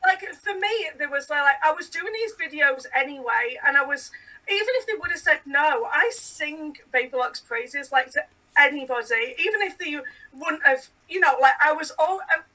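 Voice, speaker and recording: A woman's voice: high-pitched, lively intonation, normal speed, pushed and bright. A woman from the United Kingdom, a podcast guest and sewing educator, talking casually and filling her sentences with "like". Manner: chatty, full of "like" fillers. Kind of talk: casual chat. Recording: voice a bit distant from the mic.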